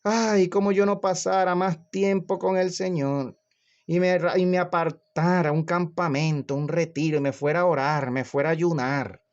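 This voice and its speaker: A man voicing a patient divine figure who gently reproaches his listener. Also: a little high, fairly even intonation, normal speed, dull audio, pitched above the performer's own voice, natural voice. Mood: reproachful. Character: patient gently chiding male divine speaker.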